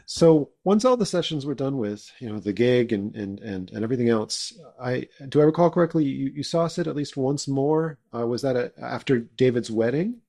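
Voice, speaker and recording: A man's voice: medium pitch, animated, normal speed, few pauses, warm tone. Man hosting a podcast interview. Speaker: podcast host, bass player.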